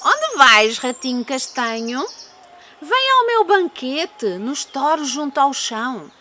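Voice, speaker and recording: A woman's voice: sits high, big pitch swings, slow, sharp tone, a little hiss or hum, exaggerated voice. A woman with a European Portuguese accent voicing an old, foolish, slyly inviting female snake in a storybook, coaxing and exaggerated. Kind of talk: storybook character voice.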